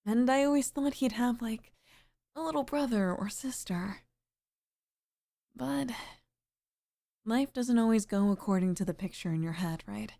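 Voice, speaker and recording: Soft and flirtatious with sighs and pauses, a woman voices a sweet single mother in middle age for an intimate ASMR roleplay. Her voice sits on the high side with a creaky texture, and she sounds wistful and tender.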